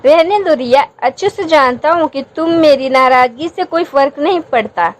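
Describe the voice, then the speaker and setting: A woman's voice: high voice, animated, normal speed. A woman voicing a young husband who teases his wife affectionately in a storybook reading. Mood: teasing. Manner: playful, teasing.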